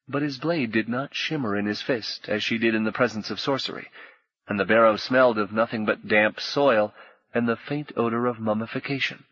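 A man reading a fantasy novel aloud in a measured storytelling voice. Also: lowish voice, a bit bright, no room sound, muffled recording. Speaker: audiobook narrator. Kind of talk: scripted narration.

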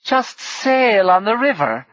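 A man's voice: high voice, big pitch swings, a little slow, sharp tone, husky, dry recording, pitched above the performer's own voice, full character voice. A man voicing a theatrical, scornful young man who mocks everyone. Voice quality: mocking, scornful. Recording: dull dry studio recording.

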